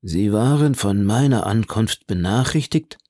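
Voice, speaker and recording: A man's voice: lowish voice, lively intonation, a little slow, mellow, dry recording, studio quality. A man reading aloud voices a nervous, timid old Italian ex-soldier who answers with wondering questions. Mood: uneasy, wondering. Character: elderly timid Italian ex-major, nervous and eager.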